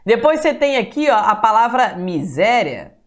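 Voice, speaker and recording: A man's voice: high-pitched, big pitch swings, moderate pace. A man with a Brazilian Portuguese accent teaching a live online grammar lesson for exam prep, chatty and often checking in with his viewers. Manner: chatty, keeps checking in with "beleza?" and greets viewers by name.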